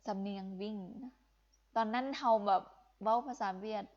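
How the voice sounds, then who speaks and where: A woman's voice: mid-range voice, steady tone, moderate pace, lo-fi sound. A young woman from Laos teaching Vietnamese in a live-streamed lesson, encouraging and repeating phrases for emphasis.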